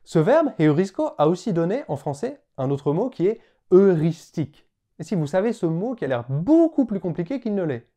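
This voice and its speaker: A man, hosting a playful language lesson. His pitch swings widely as he sounds out example words, and his tone is dark and mellow. He sits a little higher than most men. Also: sing-song, moderate pace. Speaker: educational video host. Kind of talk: explaining language history to camera.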